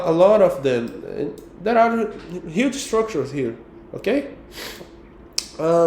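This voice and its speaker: A man's voice: fairly high pitch, darkish tone, echoey room, a little hiss or hum. A man with a Brazilian Portuguese accent guiding viewers around his city, hesitant and full of fillers, ending lines with "okay". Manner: hesitant, many fillers, tags sentences with okay. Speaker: local guide showing the city on a map. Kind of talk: casual screen-share tour talk.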